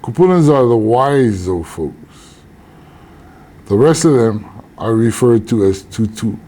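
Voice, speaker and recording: An older man from Hawaii, an elder teaching about tradition in a slow, measured way with deliberate pauses. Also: mid-range voice, expressive, dark tone.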